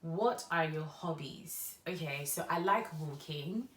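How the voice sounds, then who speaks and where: A young Ghanaian woman talks through a casual vlog, her Ghanaian English carrying Nigerian touches. Her voice sits low and she rambles in a chatty, storytelling way. The sound is roomy and a little distant from the mic. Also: takes it slowly, fairly bright tone. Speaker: YouTuber. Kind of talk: casual get-to-know-me vlog.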